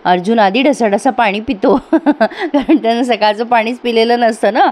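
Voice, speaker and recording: A woman's voice: a little high, moderate pace, a little mellow. A woman retelling a TV serial episode to her viewers in a chatty, storytelling way. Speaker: TV serial reviewer.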